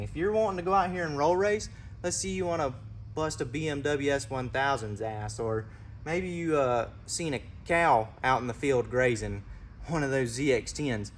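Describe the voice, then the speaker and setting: A man casually showing off a custom motorcycle, talking fast and animated to his viewers, hyping each part and calling himself by a nickname in the third person. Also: medium pitch, slight background noise. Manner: fast, animated, hypes parts and talks to viewers. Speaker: motorcycle builder and channel host. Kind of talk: casual walkaround show-and-tell.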